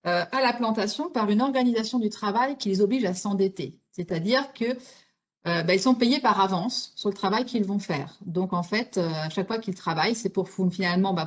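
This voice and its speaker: A woman giving an online illustrated history talk, explaining step by step with frequent fillers and self-corrections. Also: mid-range voice. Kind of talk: spontaneous illustrated lecture.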